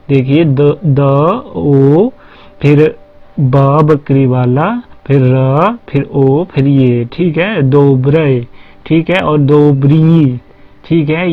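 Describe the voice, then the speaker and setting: A man giving a casual spoken lesson, spelling words out letter by letter and repeating himself often. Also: fairly high pitch. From Haryana, India. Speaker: language teacher. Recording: dull lo-fi recording.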